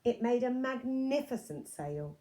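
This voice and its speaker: A woman with a fairly high voice reads a children's picture book aloud. Her storytelling manner is expressive and deliberate.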